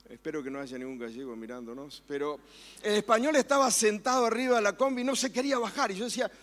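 A man, a pastor preaching a sermon in church, telling stories and turning fervent in prayer. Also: high voice. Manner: storytelling with varied emphasis, fervent when praying.

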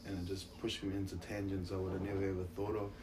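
A man with a fairly low voice and a broad New Zealand accent tells stories in casual interview chat. He is relaxed in manner, slangy and self-deprecating. Some ambient noise sits behind him. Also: fast. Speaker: interview guest, actor and musician.

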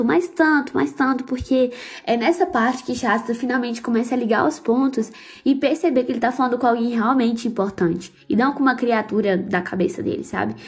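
Woman, podcast host, emotional casual book talk, slightly high voice, faint music behind. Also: fairly quick. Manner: fervent and heartfelt, religious exclamations.

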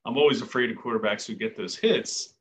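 A man's voice: medium pitch, brisk, fairly bright tone. A man co-hosting a casual sports podcast, giving plain, firm opinions. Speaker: podcast co-host. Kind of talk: casual fantasy football chat.

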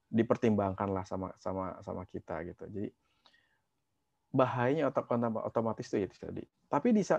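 Gravelly-voiced male psychologist, hesitant. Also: on the low side, a little mellow, no room sound, dull audio. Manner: hesitant, with frequent fillers and restarts, asks rhetorical questions. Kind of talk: casual explanatory interview talk.

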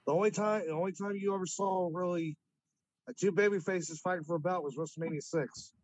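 A man co-hosting a podcast, chatting casually about wrestling and quick to push back. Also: high-pitched, dry recording. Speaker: podcast co-host.

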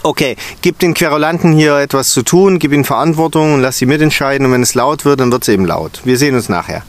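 A man voicing a calm, kind female daycare teacher in a told story, gentle and reassuring. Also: mid-range voice, quick pace, close to an everyday voice. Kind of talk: storytelling with character voices.

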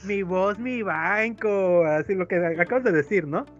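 Man, Mexican accent, casual rambling anecdote, slightly high voice, dull lo-fi sound, faint music. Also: a little slow. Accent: Mexican Spanish. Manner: rambling storyteller, acts out quoted voices, many fillers. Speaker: podcast co-host. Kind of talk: casual chat, telling an anecdote.

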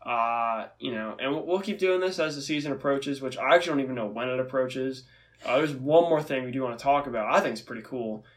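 A young man from the United States co-hosts a podcast in relaxed sports talk. His voice sits at an ordinary middle pitch for a man. He rambles along chattily and drops dry, sarcastic jokes. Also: quick pace. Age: young adult. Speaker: podcast co-host. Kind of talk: casual sports chat.

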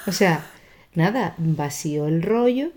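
A woman's voice: lowish voice, slow. A woman co-hosting a casual podcast, telling stories and acting out voices. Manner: animated storytelling, acts out voices. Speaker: podcast co-host. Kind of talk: casual chat.

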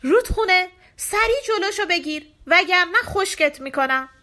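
A woman voicing an angry male demon who shouts threats in a storybook. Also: on the high side, very animated. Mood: furious.

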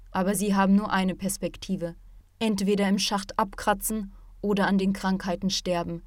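A woman reading an audiobook, voicing a calm, wise male martial arts teacher who lectures patiently and at length. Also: medium pitch, dry recording, studio quality, natural voice.

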